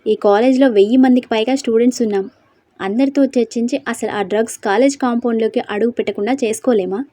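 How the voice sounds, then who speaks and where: A woman voicing a calm principled young man. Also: a little high, quick pace, dry recording, close to an everyday voice. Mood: persuasive. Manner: steady, reasoning, gently persuasive. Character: calm, principled young male college student.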